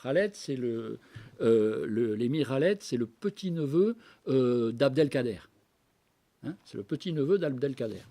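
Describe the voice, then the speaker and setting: A man's voice: mid-range voice, expressive, unhurried, warm tone. A man speaking as a guest at a public debate, lecturing conversationally to a live audience with many asides, hesitations and passages read aloud. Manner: reads historical documents aloud.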